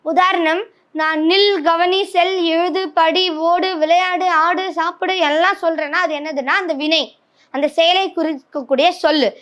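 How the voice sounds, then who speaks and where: Tamil-accent woman teacher, really high voice, grammar class, keeps saying okay?. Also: fairly even intonation, normal speed, a bit bright, highs cut off. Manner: checks understanding with frequent "okay?".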